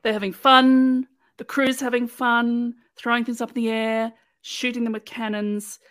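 A woman's voice: a little high, little pitch movement, normal speed, fairly bright tone, smooth, no room sound. A woman hosting a podcast, walking through an episode in a playful, chatty storytelling way. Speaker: podcast host recapping episodes. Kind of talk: casual chat, episode recap.

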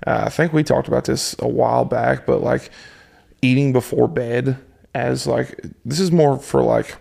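A man co-hosting a fitness podcast, talking in a relaxed, casual way. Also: medium pitch, normal speed, gravelly. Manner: relaxed, laid-back, lots of fillers. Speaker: podcast co-host, coach. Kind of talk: casual chat.

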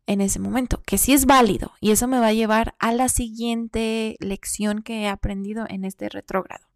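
A woman's voice: on the high side, a little mellow, dry recording, clean studio sound. Chatty woman. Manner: chatty, reflective, laughs between phrases; acts out her own past thoughts in quotes. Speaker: vlogger. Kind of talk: casual personal storytelling.

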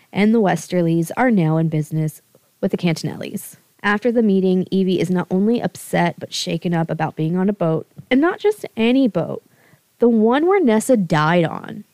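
Low-voiced woman recapping a book. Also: a little mellow, dry recording. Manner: brisk plot summary with laughs. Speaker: podcast co-host. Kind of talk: book recap, casual chat.

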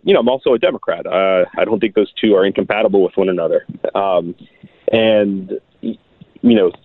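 A man in his thirties from Miami, a guest on a radio show, talking earnestly and haltingly with many restarts and fillers. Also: on the low side, no echo. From Miami, United States. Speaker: guest writer. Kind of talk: radio interview over the phone. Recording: tinny phone line.

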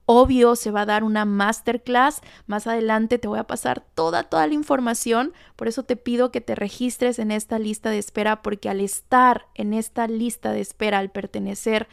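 A woman's voice: on the high side, steady tone, moderate pace, creaky, few pauses, clear, resonant tone, no room sound, studio quality. A woman hosting a podcast, giving an enthusiastic, motivational spiritual monologue straight to the listener. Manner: enthusiastic, addresses listener directly. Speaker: podcast host.

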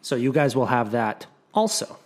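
A man's voice: mid-range voice, big pitch swings, normal speed. A man talks in a room with hallway-like echo. He is a casual podcast co-host with a mid-range voice, offering opinions in loose, informal banter. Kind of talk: casual chat. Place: new home podcast studio without soundproofing. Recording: echoey untreated studio room.

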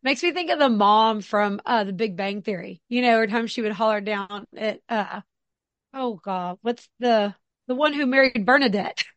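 A woman's voice: a little high, moderate pace, no echo. A woman guest on a podcast, making wry joking asides in casual chat.

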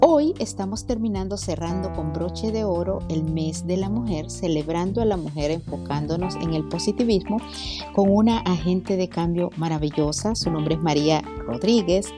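A woman hosting an interview, introducing her guest with enthusiasm. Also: sits low. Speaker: interview host. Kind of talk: podcast interview.

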